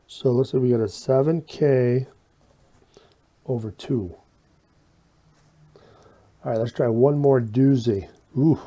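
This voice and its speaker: A man's voice: medium pitch, mellow. A man teaching an informal step-by-step math lesson in a folksy way, asking and answering his own questions, with a slight whistle on his s sounds. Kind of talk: informal step-by-step video lesson, talking while working problems.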